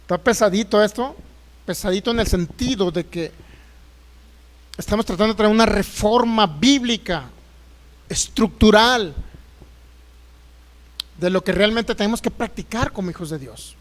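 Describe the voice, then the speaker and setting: High-voiced pastor preaching emphatically. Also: male voice, normal speed, long pauses. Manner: emphatic, acts out quoted voices. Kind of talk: sermon.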